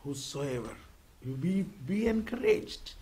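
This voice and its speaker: Emphatic slow-paced male preacher. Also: on the high side, big pitch swings. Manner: emphatic, swings from soft asides to loud exclamations, asks the audience to repeat. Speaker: retreat preacher. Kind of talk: sermon.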